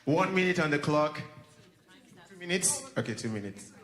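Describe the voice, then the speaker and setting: A man's voice: a little high, lively intonation, moderate pace. A man hosting a church singles event who jokes with the crowd and calls for rounds of applause. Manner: upbeat, joking, calls for applause. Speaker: event host. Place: large hall with an audience. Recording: echoey hall with crowd noise.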